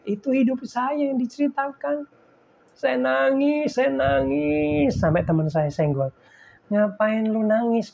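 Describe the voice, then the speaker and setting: A middle-aged man giving an emotional personal faith testimony, speaking to his listeners directly and shifting between hushed and fervent lines. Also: sits high, dull audio. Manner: keeps addressing listeners as "guys".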